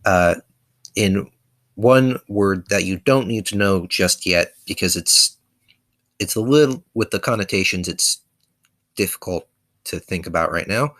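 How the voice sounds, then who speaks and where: A man's voice: low-pitched, a little slow, long pauses, a bit bright. A man casually explaining his constructed language's verbs in a video lesson, hesitant, with frequent ums and self-corrections. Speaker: conlang teacher.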